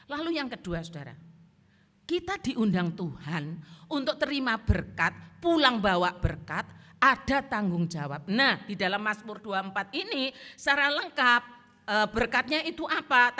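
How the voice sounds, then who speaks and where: A woman pastor preaching a church sermon, telling stories in a lively way and mixing in phrases. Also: mid-range voice. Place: church service. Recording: long church-hall reverb.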